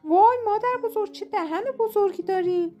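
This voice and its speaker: Innocent little girl in red, high bouncy voice, a woman putting her on for a storybook. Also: lively intonation, lo-fi sound, soft background music. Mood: amazed. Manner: high, bright and eager. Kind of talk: storybook read-aloud.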